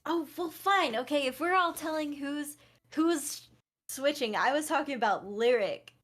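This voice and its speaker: A woman's voice: high voice, unhurried, a bit bright. Chatty woman podcast co-host. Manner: chatty, hedging with asides and fillers. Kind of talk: casual podcast chat.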